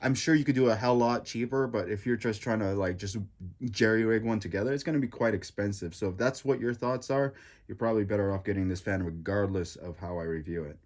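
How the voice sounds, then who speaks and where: A tech reviewer with a stuffy, congested nose talks in a lowish, darkish voice at a brisk clip. His gadget reaction review is casual and rambling, packed with fillers and restarts.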